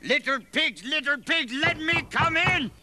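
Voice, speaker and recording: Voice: high voice, expressive, a little slow, background noise. A hammy scheming wolf. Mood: wheedling. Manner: hammy, blustering. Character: scheming big bad male wolf. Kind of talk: puppet comedy acting.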